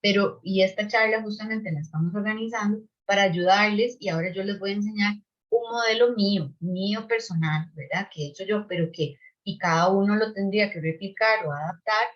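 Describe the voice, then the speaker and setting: A woman's voice: mid-range voice, a little fast. Woman presenting a webinar. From Costa Rica. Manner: explanatory, frequent tag questions and restarts. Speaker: webinar presenter on public procurement. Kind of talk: online webinar lecture with audience questions. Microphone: video call microphone. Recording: slightly dull video call audio.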